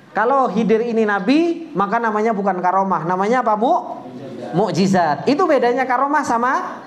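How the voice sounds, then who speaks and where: A man giving a religious study lecture, reciting Arabic text slowly and answering his own rhetorical questions, with joking asides. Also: very high-pitched. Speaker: Islamic teacher. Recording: echoey room.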